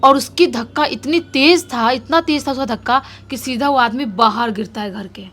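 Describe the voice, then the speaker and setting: A woman's voice: high-pitched, normal speed, a bit bright, soft background music. Woman telling a horror story casually. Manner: conversational, repeats for emphasis.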